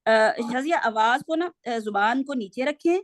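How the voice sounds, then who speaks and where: A woman's voice: a little high, animated, no room sound, studio quality. A woman teaching a Quran reading class online, patiently correcting her students step by step and speaking into a computer mic on a video call.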